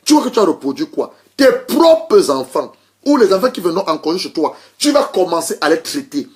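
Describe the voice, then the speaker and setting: High-voiced man preaching with repetition. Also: very animated, fairly quick, darkish tone. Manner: emphatic repetition, welcomes online listeners; frequent restarts and hesitations. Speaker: pastor. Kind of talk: sermon.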